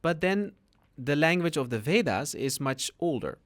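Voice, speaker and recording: A man's voice: fairly high pitch, sing-song, normal speed. This is a man from the Netherlands with a slightly raised voice. He explains things in a patient, teacherly way, as a podcast guest. He often ends his points with a questioning "no?".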